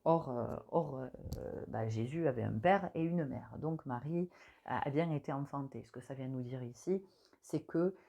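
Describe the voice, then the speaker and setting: A woman giving a spiritual monthly guidance talk, explaining slowly with frequent hesitations and fillers. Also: a bass voice, gravelly, mellow. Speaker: spiritual channel guide.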